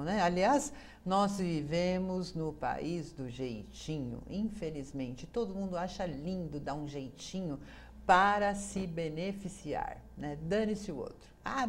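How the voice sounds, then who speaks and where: Brazilian woman, TV advice host, lower register, chatty monologue full of tag questions; faint background noise. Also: darkish tone. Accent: Brazilian Portuguese. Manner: conversational, constant tag questions, acts out quoted voices. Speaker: TV program host.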